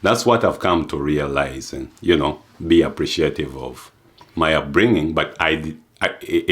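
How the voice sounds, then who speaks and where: A young adult man from Uganda giving a reflective personal testimony, unhurried, with frequent fillers and restarts. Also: low voice, a bit bright. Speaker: adoptee sharing experience.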